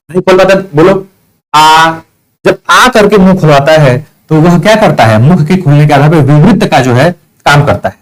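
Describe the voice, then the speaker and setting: A man's voice: a little high, rough recording. A male teacher with a slightly raised voice and an eastern Uttar Pradesh Hindi accent. He walks through a grammar lesson step by step, asking questions and answering them himself. He stretches out vowel sounds to show how they are said. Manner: explains step by step, asks and answers his own questions, draws out vowel sounds.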